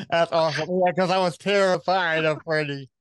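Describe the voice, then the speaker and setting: A man in his forties hosting a casual interview, asking questions in a halting way with many fillers and restarts. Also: a little high, smooth, no room sound. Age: 40s. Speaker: podcast host.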